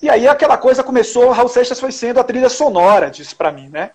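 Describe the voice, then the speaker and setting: Very high-pitched and very animated, this man's slightly mellow voice moves at a quick pace. He is a journalist from Salvador, Brazil, speaking Bahian Portuguese while telling stories in a casual interview, with lots of restarts and tag questions.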